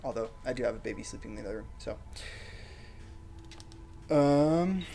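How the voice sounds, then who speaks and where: Streaming a game from home with a desk microphone, a young adult man chats and reads viewer comments aloud in a soft, self-deprecating manner. He sounds animated and creaky at a medium pitch and normal speed, with game music and a little hiss or hum behind him.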